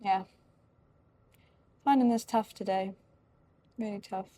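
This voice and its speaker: A tired woman, rambling casually in a vlog with lots of fillers and soft laughs. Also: medium pitch, slow. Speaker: vlogger and fitness competitor in contest prep. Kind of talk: casual vlog talk to camera.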